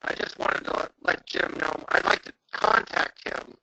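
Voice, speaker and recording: A man calling into a support group on a breaking-up connection that makes him sound underwater, asking haltingly if he can be heard. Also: bright, forceful tone, no echo, rough recording. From San Francisco area, United States. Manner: halting, trying to get through on a bad line. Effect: garbled, breaking-up call connection that sounds underwater. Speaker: caller in a support group call.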